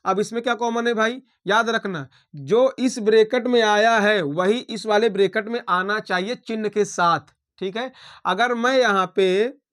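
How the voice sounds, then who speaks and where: A man's voice: sits high, measured pace, a bit bright. A man teaching a maths lesson, talking through each step aloud and checking in with his students.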